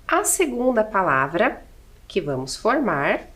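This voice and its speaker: A woman's voice: medium pitch, sing-song, slow, a bit bright. A woman teacher with a Brazilian Portuguese accent, giving a patient classroom lesson and counting aloud step by step with rhetorical questions.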